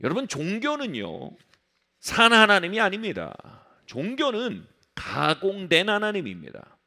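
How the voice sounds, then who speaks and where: Preaching his sermon from the pulpit of a church sanctuary, a pastor's fairly high voice swoops wildly in pitch at a measured pace. He drives his points home forcefully, sinks to low, quiet tones to stress them, and occasionally takes on the voices of the resisting people he's talking about.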